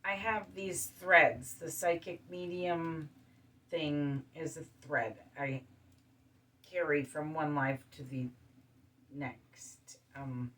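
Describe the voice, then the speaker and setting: A woman hosting her show, talking calmly in a casual monologue and listing things one by one. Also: deep voice, takes it slowly, far from the mic. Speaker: show host. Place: studio.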